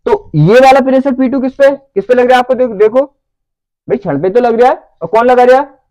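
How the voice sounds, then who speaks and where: High-voiced man teaching a class. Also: a little fast, a little mellow, dry recording, highs cut off. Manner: checks understanding with repeated questions. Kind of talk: classroom lecture.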